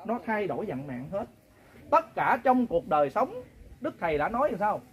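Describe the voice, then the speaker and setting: A man's voice: high-pitched, sing-song, normal speed, a crowd in the background. A man with a Southern Vietnamese accent leading a pilgrim group, telling a folksy, earnest story-sermon and often turning to his listeners. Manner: folksy, earnest, keeps addressing listeners directly. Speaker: pilgrimage group leader and lay preacher.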